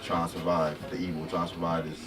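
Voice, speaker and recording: A man's voice: deep voice, monotone, quick pace. A young man from Reading, Pennsylvania, a guest talking in a loose, slangy, profane, rambling way. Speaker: guest, show creator. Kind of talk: casual chat. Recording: distant mic with music playing.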